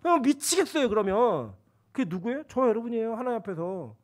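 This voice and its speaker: A male pastor delivering a sermon in a church in an easy, talking-to-friends way. His voice sits high for a man and moves through a wide, lively range. He often drops into acted-out voices for the characters in his examples. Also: fast talker. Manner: conversational preaching, acts out quoted voices. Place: church sanctuary.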